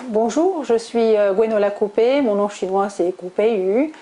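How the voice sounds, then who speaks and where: Guest, middle-aged woman, warm and mellow, hesitant and reflective. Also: mid-range voice, a little slow, rough recording. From France, southwest (Toulouse). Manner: thoughtful, many hesitations with "euh". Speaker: guest, recruiter. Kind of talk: interview answers.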